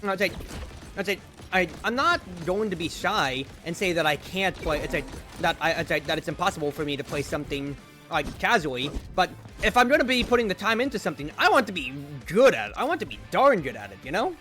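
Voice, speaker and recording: A man streaming a game, chatting casually and rambling, with loud outbursts when the play gets exciting. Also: high-pitched, fast talker, soft background music. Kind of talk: casual gameplay commentary.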